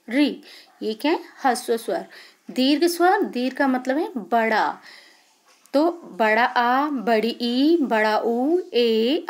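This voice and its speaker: A woman teacher with an Indian accent explaining a grammar lesson to children, asking questions and then answering them herself. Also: high voice. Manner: asks questions and answers them herself, repeats key terms.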